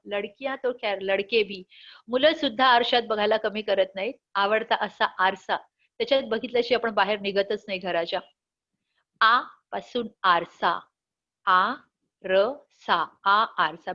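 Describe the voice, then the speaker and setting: A woman's voice: mid-range voice, lo-fi sound. A woman teaching young children a picture vocabulary lesson, stretching out words in a sing-song way and talking to them enthusiastically. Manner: warm, enthusiastic addressing of children. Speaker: primary school teacher.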